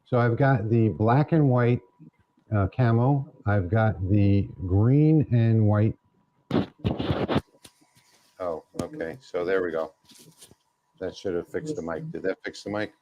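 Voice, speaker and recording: A man's voice: on the low side, slow pace, long pauses, dull audio, slight background noise. A man from Louisiana hosting a casual livestream, chatting easily while running a prize drawing on a wireless mic. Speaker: livestream host.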